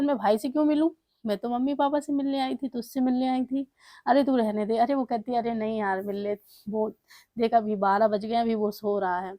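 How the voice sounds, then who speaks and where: A woman's voice: a little high, darkish tone, no room sound. A woman casually telling a family story, retelling the dialogue in her plain voice with fillers and restarts.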